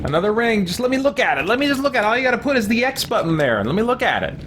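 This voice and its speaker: Very high-pitched, very animated and racing, this let's play host gives casual gameplay commentary, talking to himself as he goes. Game audio and music play behind him, making the recording noisy.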